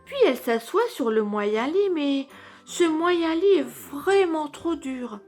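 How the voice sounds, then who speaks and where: A woman reading a children's story aloud as a storyteller, slow and clearly paced. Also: high-pitched, lively intonation, darkish tone, faint music behind.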